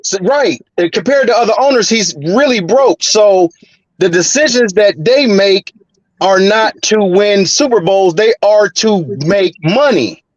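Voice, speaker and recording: A man's voice: sits high, a little slow, no echo, muffled recording. A man in his forties from the Bay Area, a guest in a casual sports chat, blunt and assertive. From San Francisco Bay Area. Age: 40s.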